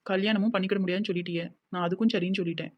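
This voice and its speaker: A devoted young village woman with a Tirunelveli accent, as a voice actor plays her in a cartoon. She talks quickly in a gentle, comforting voice and keeps insisting. The sound is dull and lo-fi. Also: medium pitch, fairly even intonation, close to an everyday voice. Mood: insistent. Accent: Tirunelveli Tamil.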